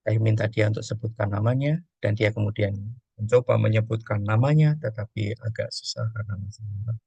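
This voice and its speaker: A man's voice: on the low side, fairly even intonation, fairly quick, vocal fry, mellow, breathy edge, dry recording. A man, a pastor, teaching on emotions and prayer, telling a story and acting out prayers and dialogue.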